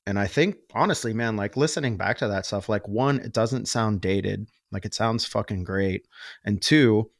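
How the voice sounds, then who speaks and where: A man with a fairly low voice, hosting a casual podcast. He rambles with enthusiasm, peppering his talk with "like" and curse words. The sound is dry and close. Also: moderate pace, vocal fry, no room sound. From Western Pennsylvania. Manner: enthusiastic, rambling, heavy use of "like" and swearing. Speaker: podcast host.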